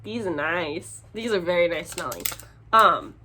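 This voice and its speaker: Showing her audience the books she bought, a woman book vlogger talks casually, giggling and exclaiming expressively. Her pitch is on the low side and her pace a little slow, with background noise clearly present.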